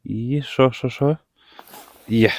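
A man from Ukraine with a Bukovina accent, chatting casually as he fishes on the ice outdoors, breaking into excited exclamations when a fish bites. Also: mid-range voice, slow pace, no room sound. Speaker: fishing vlogger. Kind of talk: casual commentary while ice fishing. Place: outdoors on a frozen lake.

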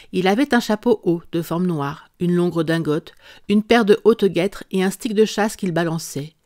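A reader narrating a classic detective story for an audiobook in a measured, descriptive way. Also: medium pitch, darkish tone, no echo, clean studio sound. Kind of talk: scripted literary narration.

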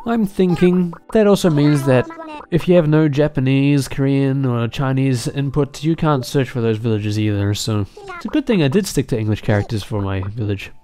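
With a mellow, medium-pitched voice at an ordinary pace, this commentator chats casually about the game being played. The delivery is playful and full of exclamations, wandering into asides, all set against background game music.

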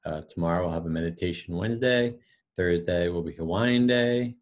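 A man, a school principal, giving school video announcements in a steady, encouraging way with frequent "uh" fillers. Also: deep voice, a little fast.

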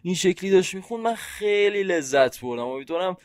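A man from Iran hosting a reaction video, talking excitedly to his viewers and guessing aloud. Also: sits high, smooth, no echo, clean studio sound. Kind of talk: casual reaction commentary. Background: hip hop track playing.

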